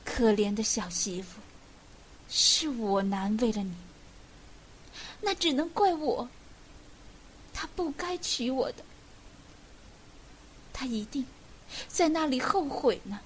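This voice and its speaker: A woman voicing a gruff old grandfather. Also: fairly high pitch, expressive, takes it slowly, pauses often, slight background noise. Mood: rueful. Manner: gruff, scolding, then gently soothing. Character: grumpy old grandfather, quick-tempered. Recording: echoey room with long reverb.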